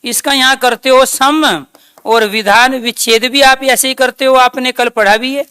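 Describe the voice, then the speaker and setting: A woman teaching a grammar class, speaking slowly and dictating points, posing questions to her students and then answering them. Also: high-pitched, steady tone, sharp tone, clear, resonant tone, no room sound, clean studio sound. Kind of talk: online class lecture.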